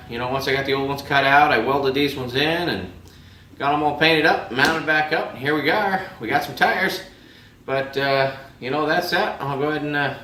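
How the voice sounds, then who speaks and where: A man with a cold and a voice going hoarse, giving a laid-back, rambling walkaround of a project in a casual vlog. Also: a little high, bright, forceful tone, slight background noise. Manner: laid-back, rambling, lots of "uh" and "you know". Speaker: vlogger.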